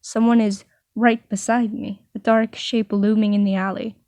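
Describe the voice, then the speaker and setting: A woman's voice: medium pitch, little pitch movement, normal speed, a little mellow, no room sound. A woman reading a visual novel aloud, with playful asides between narration. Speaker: story reader.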